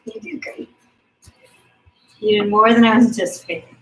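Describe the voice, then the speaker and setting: A woman's voice: mid-range voice, steady tone, moderate pace. Woman answering briefly between workout sets. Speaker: workout partner. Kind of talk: casual chat during exercise. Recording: roomy sound from a distant mic.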